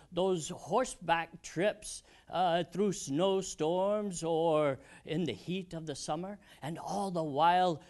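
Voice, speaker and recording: Man acting as elderly John Adams, reminiscing deliberately. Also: high-pitched. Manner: deliberate, old-fashioned diction with reflective pauses. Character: elderly American statesman of eighty-eight, reminiscing, proud and wistful. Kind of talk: theatrical historical monologue.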